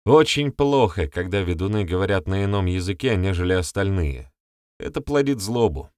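Earnest, grim young man, read by a man; low pitch, dry recording. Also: big pitch swings, moderate pace, dry recording. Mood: serious. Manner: earnest, grave.

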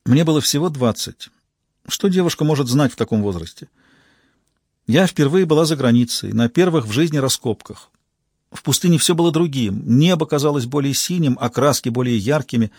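A weary, secretive middle-aged woman speaks low and measured, guarding every word, as a man reads her. The husky voice sits close and dry on an audiobook track. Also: expressive, darkish tone, no echo. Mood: grave.

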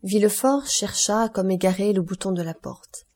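A woman narrating an audiobook of a classic novel in a measured, expressive reading. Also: medium pitch.

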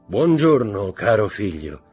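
A man's voice: fairly low pitch, lively intonation, normal speed, darkish tone, slightly rough, soft background music, voice pushed up. A man voicing a pompous older man who poses as a father, grave and stiff.

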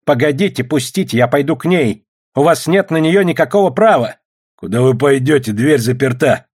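A man's voice: medium pitch, expressive, moderate pace, a little mellow, husky, pitched above the performer's own voice. A man reading aloud and voicing a nervous, blustering male official who speaks in an agitated, insistent way.

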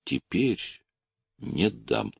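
A stern, harsh military officer giving clipped, forceful orders, voiced by a male storyteller. The voice is husky, with a deep base and lively rises in pitch. The recording is close and dry. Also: takes it slowly, no echo, exaggerated voice. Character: blunt, stern army officer, commanding and harsh.

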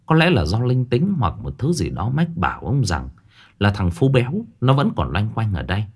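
A man narrating a ghost story in an expressive storytelling manner. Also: fairly low pitch, normal speed, husky.

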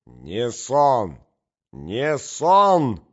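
An indignant middle-aged matron, put on by a male audiobook reader insists and demands answers. Her voice is raised high and pushed loud. The recording is dull and lo-fi. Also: lively intonation, moderate pace, natural voice.

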